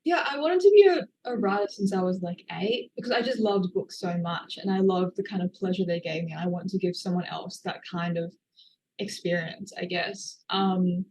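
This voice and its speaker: On a rough recording, an Australian author guest answers interview questions in a lowish, darkish voice at a moderate pace. She's thoughtful and hedging, with lots of fillers.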